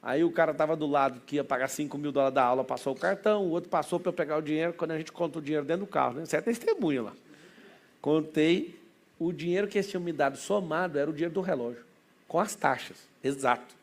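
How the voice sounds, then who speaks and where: Fast, gravelly Brazilian man telling stories. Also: fairly high pitch. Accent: Brazilian Portuguese. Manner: excitable, rapid anecdotal delivery with many asides. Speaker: business mentor. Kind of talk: motivational storytelling to a group.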